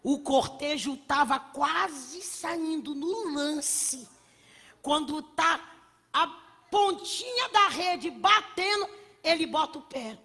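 A woman preaching a sermon with passion, swinging between shouts and hushed asides, in a church hall. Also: high-pitched, animated, slow. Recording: long reverb of a large hall.

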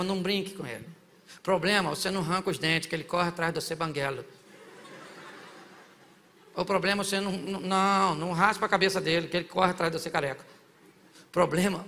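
A man's voice: high-pitched, vocal fry, pushed and bright. A man preaching a sermon as pastor, joking with the church and rising to fiery exhortation. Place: church sanctuary. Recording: long church reverb.

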